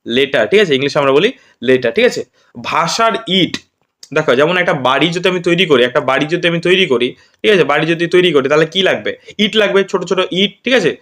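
This West Bengal teacher's voice is on the high side and a bit bright, with lively intonation and a quick pace. Preparing students for exams with a grammar lesson, he quizzes them and tacks "ঠিক আছে?" ("right?") onto every point.

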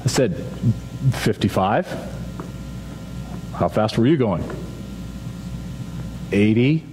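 A man in his thirties giving an animated chapel talk to students on a stage, telling stories and acting out quoted voices. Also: lowish voice, slow pace. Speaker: youth chapel speaker. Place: large dark auditorium with stage. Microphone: stage microphone, seen from far back. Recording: reverberant hall, faint audience noise.

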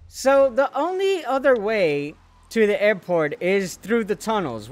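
A man giving let's play commentary, excitable and panicky, swearing a lot as he plays. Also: sits high. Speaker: gaming video host.

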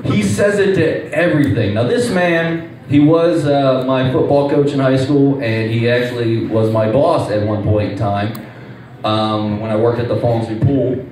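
A man's voice: medium pitch, unhurried. A young adult male stand-up comedian telling exasperated, profane stories at an open mic. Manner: animated, profane, exasperated storytelling. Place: small comedy club stage. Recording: echoey room, distant mic, faint ambience.

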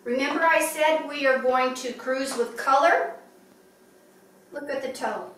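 A woman's voice: high voice, a little slow, a bit bright, a little hiss or hum. A woman in her fifties, a fashion vlogger chatting in an upbeat, casual way in her living room, recorded from across the room. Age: 50s. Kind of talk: casual show-and-tell. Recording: echoey room from far off.

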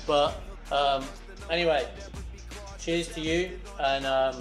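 A man in his thirties giving a halting, teasing phone message with many ums. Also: on the high side, steady tone, low-quality recording. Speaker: friend sending a wedding message. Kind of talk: casual selfie video message. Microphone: phone camera. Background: music.

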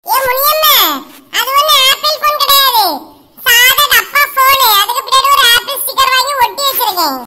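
A boastful shopkeeper woman scolds and brags in a Kanyakumari accent, with a woman acting her. Her voice is very high and piercingly bright. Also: moderate pace, full character voice. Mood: scolding. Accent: Kanyakumari Tamil. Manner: scolding, show-off. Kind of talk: comic sketch acting.

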